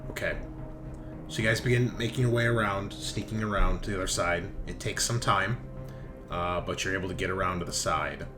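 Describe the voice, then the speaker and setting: A low-pitched man, talking a little fast, runs a tabletop roleplaying game as game master, improvising casually and voicing the characters' lines. Loud background music plays throughout the recording.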